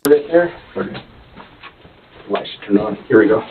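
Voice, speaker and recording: A man's voice: fairly low pitch, expressive, moderate pace. A polite, deferential man, an officer setting up a police interview, heard as played from old interrogation footage. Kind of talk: instructions to a suspect in a police interview. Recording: tinny, noisy interrogation room tape.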